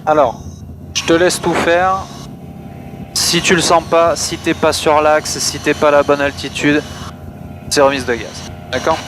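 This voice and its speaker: A man's voice: a little high, flat delivery, measured pace, long pauses. A man coaching informally as a flight instructor on a pilot headset intercom, explaining things in a reassuring way. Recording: clear aircraft engine noise. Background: aircraft cockpit noise.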